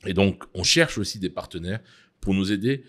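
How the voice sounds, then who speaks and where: A middle-aged man answering interview questions in a formal, measured way, often pausing on fillers. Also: deep voice, fairly bright tone. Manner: measured, hesitant with frequent fillers. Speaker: interviewee, mining executive.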